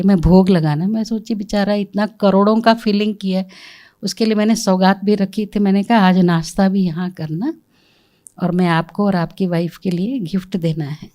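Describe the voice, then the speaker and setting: A middle-aged woman, a spiritual center administrator, telling a storytelling talk and quoting people in dialogue. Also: medium pitch. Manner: animated, quotes people in dialogue.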